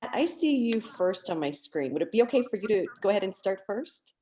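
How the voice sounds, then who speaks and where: A woman's voice: medium pitch, sing-song, a little fast, dark tone. A woman moderating an online meeting, upbeat and appreciative as she calls on each speaker. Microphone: video call.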